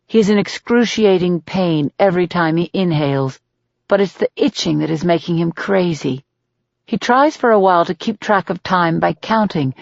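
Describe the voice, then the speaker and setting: Audiobook reader, woman, unhurried steady delivery, dark thriller narration, dry close sound. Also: lowish voice, no echo, highs cut off. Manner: measured, steady and deliberate reading.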